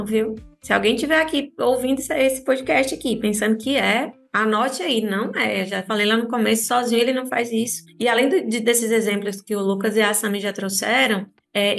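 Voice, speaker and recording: Woman, Brazilian Portuguese accent, podcast guest, high-ish voice, faint music behind. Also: vocal fry. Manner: animated storyteller who acts out others' remarks. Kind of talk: podcast discussion.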